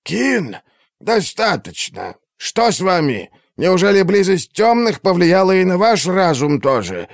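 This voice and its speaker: A man's voice: high-pitched, sing-song, unhurried, vocal fry, no echo, studio quality, voice pushed up, full character voice. A man voicing a stern male magister who reproaches and commands a fellow mage. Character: stern older male magister urging calm.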